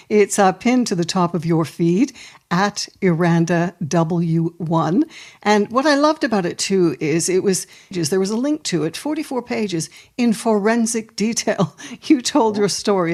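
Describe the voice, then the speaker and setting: A woman's voice: mid-range voice, a little mellow. A woman in her sixties hosting a podcast, chatty and enthusiastic as she talks with her guest. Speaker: podcast host. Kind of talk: podcast interview.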